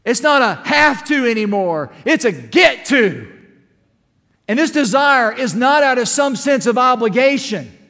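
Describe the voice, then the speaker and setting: A man with a high voice preaches a fervent sermon, swinging from hushed, low lines to ringing shouts. His words echo with a long reverb through a church sanctuary. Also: expressive, normal speed. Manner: impassioned preaching, rising to shouts, rhetorical questions. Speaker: pastor.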